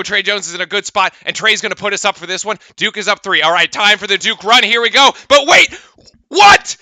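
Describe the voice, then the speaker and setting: A man in his late twenties, co-hosting a fan show and calling game highlights play-by-play, swinging from chatty recap to shouted disbelief. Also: no echo, studio quality. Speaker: podcast co-host.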